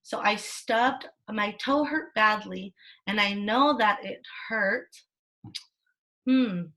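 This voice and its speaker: A woman's voice: medium pitch, slow pace, bright, forceful tone. A woman teaching a children's class over a video call, encouraging and sing-song as she prompts her students. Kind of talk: online class lesson for children. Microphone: laptop mic on a video call.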